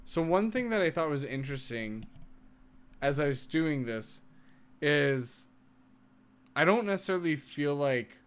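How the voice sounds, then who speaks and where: A man's voice: fairly high pitch, lively intonation, unhurried, pauses often, smooth. A man giving casual late-night commentary while playing a video game, rambling and often restarting his sentences. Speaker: game streamer.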